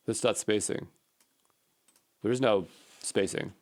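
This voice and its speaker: In a casual screencast, a programmer records himself coding and mutters informally as he troubleshoots, thinking aloud. His voice is lowish and slow.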